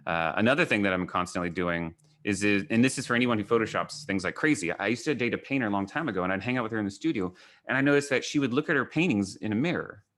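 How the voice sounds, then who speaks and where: A photographer and artist from Kentucky in the United States gives an informal online gallery talk over video call, answering questions. His voice is on the low side and a bit bright, and he talks fast and expressively, rambling through anecdotes and often quoting people.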